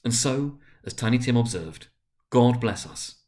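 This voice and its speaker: A man's voice: medium pitch, animated, unhurried, darkish tone. A man narrating a classic story as a theatrical storyteller, with an emphatic, literary delivery.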